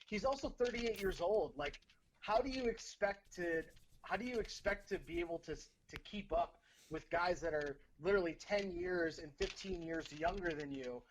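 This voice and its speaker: A man's voice: high voice, normal speed, slight background noise, rough recording. A man co-hosting a sports podcast, giving blunt takes and often repeating himself. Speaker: podcast co-host. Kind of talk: casual sports talk.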